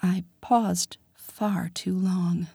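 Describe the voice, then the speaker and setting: A woman narrates a first-person romance story in a soft, intimate voice that often sinks to a whisper. Her tone is mellow and breathy, recorded close and dry. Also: fairly low pitch, steady tone, drawn-out words, no echo. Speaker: audiobook narrator.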